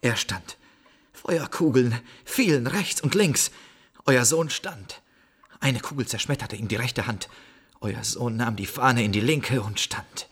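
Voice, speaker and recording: A solemn stranger bearing grim news in a classic radio play. His husky, mid-pitched voice tells the tale with measured gravity. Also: a bit bright. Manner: solemn storytelling.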